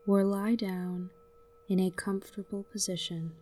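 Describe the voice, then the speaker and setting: A woman guides a scripted meditation gently and soothingly, with long pauses between short phrases. Her mid-range voice stays level, recorded far from the mic with slight background noise.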